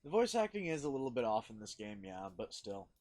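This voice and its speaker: A man streaming a game. He talks in a casual, low-key way at an average male pitch, commenting as he plays. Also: big pitch swings, fast, darkish tone, soft background music.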